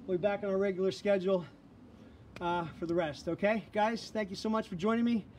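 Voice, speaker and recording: A man's voice: high-pitched, steady tone, fairly quick, darkish tone. A man leading a live online workout class as fitness instructor, calling out counts and cues with energy. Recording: distant mic, faint background noise.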